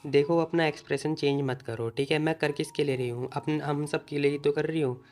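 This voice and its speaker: A man reading the lines of a playful, teasing young woman in his own everyday voice, slowly and with a faint music bed. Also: a little high, steady tone, darkish tone, close to an everyday voice.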